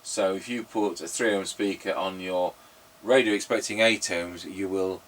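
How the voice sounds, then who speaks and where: This middle-aged man, a radio repairer who also presents, delivers rambling, anecdotal test commentary in a casual way. His voice is deep, steady, and fairly bright at a moderate pace, and the recording is noisy with a distant mic.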